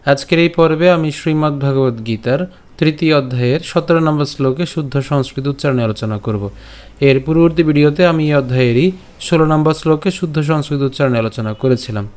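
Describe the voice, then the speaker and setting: Male teacher, fairly high voice, patient syllable-by-syllable drills and slow chanting. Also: darkish tone. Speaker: Gita recitation teacher. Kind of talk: step-by-step pronunciation lesson.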